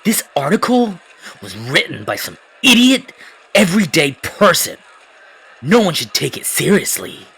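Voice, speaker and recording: A man's voice: a little high, sing-song, unhurried, fairly bright tone, breathy edge, heavily acted. A man voicing a cocky, irritable racer in an anime fan dub, with a dismissive, grumbling delivery. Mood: irritated, dismissive.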